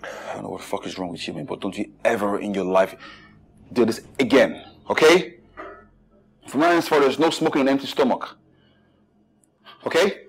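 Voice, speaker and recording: A man's voice: mid-range voice, a little fast, vocal fry, long pauses, slightly rough. An actor with a Nigerian accent playing an exasperated, broke young man in a film drama, blunt and sweary. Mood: shaken, angry. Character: exasperated, broke young man scolding his smoking companion. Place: small indoor room.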